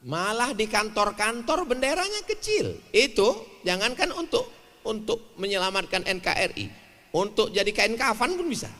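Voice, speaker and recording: A man preaching to a crowd, animated, swinging between loud bursts and quiet asides, acting out little dialogues. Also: high voice. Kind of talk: lively sermon with jokes. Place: large hall at a religious gathering. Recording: hall reverb from a large venue.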